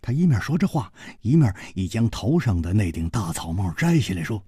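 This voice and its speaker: A man telling a martial arts tale for radio in a vivid, animated storytelling style. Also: fairly quick, breathy edge, no echo, clean studio sound. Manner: highly animated, vivid delivery.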